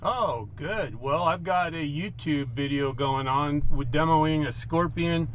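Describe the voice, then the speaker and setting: A man's voice: on the high side, unhurried, lo-fi sound. Male vlogger working ham radio from a parked vehicle, casual and informal, faint background noise. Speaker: mobile ham radio operator and video maker. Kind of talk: casual radio chat and demonstration.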